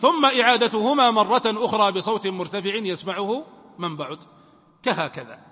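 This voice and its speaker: A man's voice: high voice, a little fast, pushed and bright, breathy edge. A man teaching a religious lesson as a sheikh. He speaks emphatically, posing questions to his students and answering them himself. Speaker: sheikh teaching Islamic law. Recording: long reverb from a hall.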